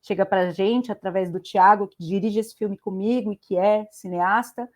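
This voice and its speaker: A woman's voice: mid-range voice, steady tone, normal speed. A woman from Bahia, a film director, introducing herself casually on an online panel, chatty with small hesitations. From Bahia, Brazil. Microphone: video call.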